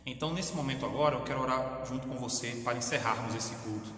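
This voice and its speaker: A man's voice: medium pitch, fast talker, fairly bright tone. A man, a pastor leading a fervent closing prayer and giving announcements, repeating "Senhor" and "ó Pai" between phrases. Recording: echoey room with long reverb, faint ambience.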